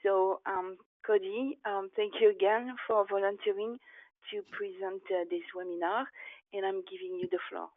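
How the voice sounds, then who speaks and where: Flat-voiced woman introducing a speaker. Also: mid-range voice, normal speed, no room sound. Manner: reads steadily, with occasional fillers. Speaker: webinar moderator. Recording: dry, tinny call audio.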